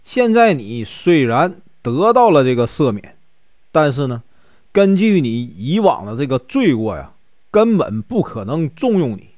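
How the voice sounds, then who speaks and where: A man voicing a stern high official who scolds a petitioner. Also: sing-song, a little slow, a little mellow, no room sound, studio quality. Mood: scolding.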